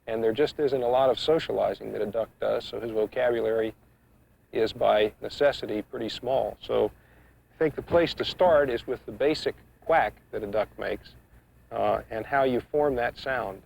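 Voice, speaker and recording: A man giving an instructional demonstration, explaining each step in a measured, practical way. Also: mid-range voice, gravelly, darkish tone, a little hiss or hum. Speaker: duck calling instructor. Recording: muffled, dull 1990s instructional video sound.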